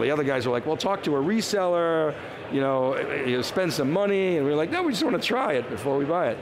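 An older man, a co-host and tech analyst, discusses market trends during a live trade show chat on a TV set on a busy convention floor. His voice sits mid-range amid background noise, and he restarts phrases as he thinks aloud.

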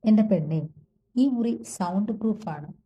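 A woman voicing a possessive young man who speaks slowly in a low murmur, reading an audio story. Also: animated, dark tone, highs cut off. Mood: menacing. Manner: slow, low murmur close to the ear. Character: possessive young man menacing his captive.

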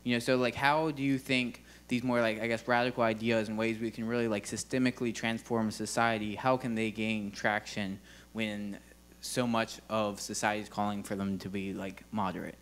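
A young man speaks with a sore jaw that slightly mumbles his words, yet the tone stays smooth and resonant. He phrases things casually, like a student putting a question to a guest on stage. He holds a handheld microphone. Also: on the low side, flat delivery, moderate pace, fairly bright tone. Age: young adult. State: mumbled speech from a sore jaw after wisdom teeth removal. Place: on stage in a wood-panelled hall with an audience.

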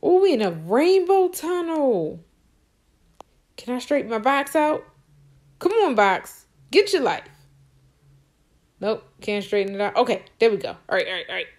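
A woman's voice: fairly high pitch, very animated, a little slow, long pauses, a little mellow. A young adult woman hosting a gaming channel, commentating her play with squeals, gasps and coaxing cheers. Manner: squealing and gasping, coaxing the game aloud. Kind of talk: excited game commentary.

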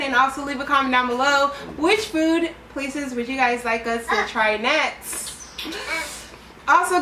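A woman's voice: high-pitched, fairly bright tone. A young woman chatting casually as host of a mukbang eating vlog, recorded indoors by a camera a few feet away. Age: young adult. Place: indoor room, at a table. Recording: roomy, distant mic, faint noise.

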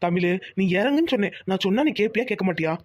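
A woman's voice: medium pitch, expressive, racing, no echo, studio quality, close to an everyday voice. A woman voicing a pushy young husband. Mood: insistent. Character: bossy young village husband. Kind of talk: cartoon voice acting.

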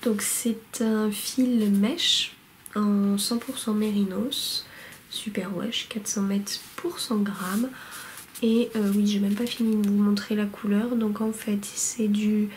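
Her voice is mid-range and slow with fairly even intonation, heard over a rough recording with slight hiss or hum. She's a knitting vlogger at home by a window, casually showing her new yarns while chatting hesitantly, full of fillers and restarts.

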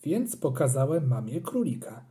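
An audiobook reader narrating a children's story in an animated, playful way. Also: medium pitch, moderate pace.

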